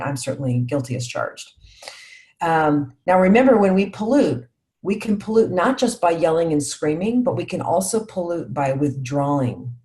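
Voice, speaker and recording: A woman with a low-pitched voice leads a parenting workshop. She teaches in a reflective, conversational way and keeps checking in with "right?". She walks her listeners through guiding questions. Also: a little mellow. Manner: reflective, tags points with "right?". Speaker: parenting coach leading a workshop.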